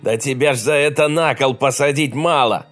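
A man's voice: medium pitch, moderate pace, fairly bright tone, soft background music, voice pushed up, lightly acted. A man voicing a coarse bandit ringleader who barks threats and insults. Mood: rough threatening. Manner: crude, bullying, barking threats.

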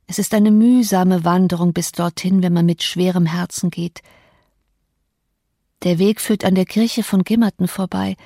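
A woman's voice: lowish voice, steady tone, normal speed, dark tone, no room sound, clean studio sound. A woman voicing a feverish, delirious young woman who speaks in a raised, exalted, pleading way. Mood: delirious yearning.

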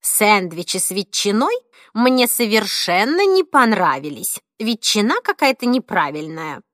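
A woman reading an audiobook, voicing a cantankerous 86-year-old woman who snaps and scolds in a shrill, indignant voice. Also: sing-song, measured pace, a bit bright, no room sound, clean studio sound.

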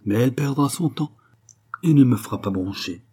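A man's voice: medium pitch, expressive, moderate pace, a little mellow, slightly rough, pitched above the performer's own voice. A man reading an audiobook, voicing a moody, self-absorbed young poet who talks with glib, forced cheer. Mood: blustering.

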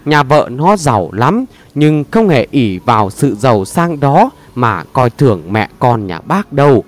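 A man's voice: mid-range voice, big pitch swings, unhurried. A man voicing a cold, dismissive middle-aged mother who speaks curtly in an audio story. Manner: curt, coolly mocking.

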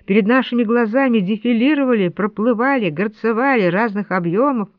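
A woman with a medium-pitched voice narrates a first-person memoir audiobook in a wry, lightly ironic storytelling style. It's a dull, lo-fi, dry studio read with no room sound.

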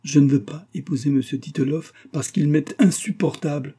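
A man's voice: a little high, fairly even intonation, normal speed, dark tone, breathy edge, pitched above the performer's own voice. A man reading a classic novel aloud, voicing a nineteen-year-old noblewoman who pleads and defies her mother. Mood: pleading. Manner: pleading, tense. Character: young noblewoman, nineteen, desperate and defiant.

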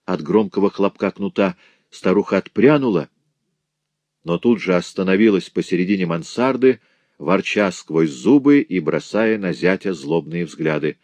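Deep-voiced male audiobook narrator. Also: lively intonation, moderate pace, a little mellow, no echo. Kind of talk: scripted narration of a novel.

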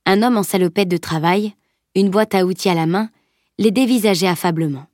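A woman narrating a novel as an audiobook, in an even, steady reading. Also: mid-range voice, fairly quick, no room sound, studio quality. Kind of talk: scripted narration.

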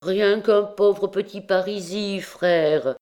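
A woman's voice: lowish voice, takes it slowly, voice pushed up. A woman reading an audiobook, voicing a brash, mocking young male student who pleads and jokes theatrically. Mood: pleading. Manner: pleading then cheeky, loud and theatrical. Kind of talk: audiobook reading of a classic novel.

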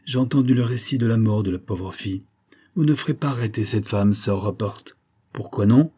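A man voicing a coldly calm young noblewoman. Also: fairly low pitch, moderate pace, husky. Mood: cold firm. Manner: calm cold firmness. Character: young noble lady, calm, cold and firm.

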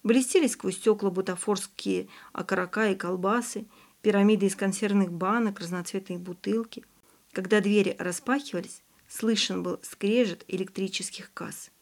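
Woman reading a novel out loud, calm and steady. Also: medium pitch, moderate pace. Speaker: audiobook narrator. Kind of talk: scripted narration.

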